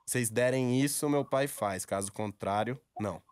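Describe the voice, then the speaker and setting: Brazilian man, twenties, colloquial and coaxing, medium pitch, dry close studio mic. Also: normal speed, darkish tone, clear, resonant tone, dry recording. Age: 20s. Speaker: radio prank caller. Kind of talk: casual persuasive phone prank chat. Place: radio studio. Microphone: studio microphone on desk stand.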